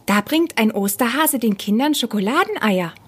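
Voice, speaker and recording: A woman's voice: a little high, animated, normal speed, slightly rough. A woman voicing a shy, sweet young female Easter bunny in a storybook reading, earnest and a little timid.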